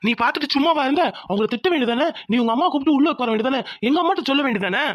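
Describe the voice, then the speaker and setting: A woman's voice: sits high, animated, rapid-fire, muffled recording, slight background noise. A woman voicing a caring young husband in a cartoon, who keeps pressing with questions and flares up when his wife is wronged. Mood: indignant. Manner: insistent questioning, fired up. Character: caring young husband, protective and quick-tempered. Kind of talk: cartoon voice acting.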